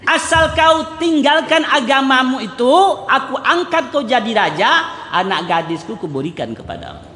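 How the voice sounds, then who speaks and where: A man's voice: very high-pitched, big pitch swings, normal speed, bright, forceful tone, a little hiss or hum, pitched above the performer's own voice, full character voice. A man voicing a king who tempts and threatens a captive, with a commanding manner. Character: bargaining male king, tempting then threatening. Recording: echoey hall reverb.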